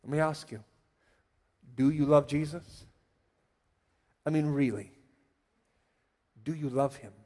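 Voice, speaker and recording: A male pastor preaching a sermon with emphatic swells and quiet asides. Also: a little high, slow, long pauses. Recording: long hall reverb.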